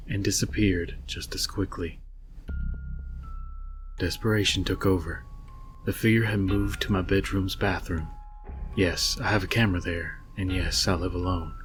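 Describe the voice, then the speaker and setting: A man narrating a scary story in a low, haunting voice, reading in a measured, scripted way. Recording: music behind the voice. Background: music.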